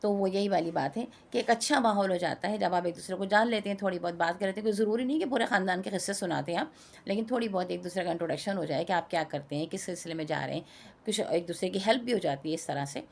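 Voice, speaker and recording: A woman teacher with a Pakistani accent gives a recorded lecture on an English textbook. Her voice sits low and has a gravelly, fry-edged texture. She talks through the material in a chatty way and slows right down whenever she reads English lines aloud. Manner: explains in Urdu, reads English text aloud slowly and deliberately; chatty, with personal asides.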